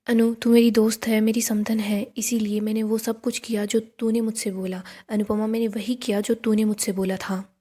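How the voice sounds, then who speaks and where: A woman's voice: a little high, level tone, normal speed, dark tone, breathy edge. A woman voicing a scheming, defiant middle-aged woman politician in a story recap, in an insistent, accusing way.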